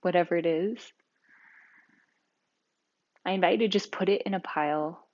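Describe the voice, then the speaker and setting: A woman leading a guided yoga and breathing class, speaking calmly and slowly with soft-spoken guidance. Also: on the low side, lo-fi sound. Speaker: yoga instructor.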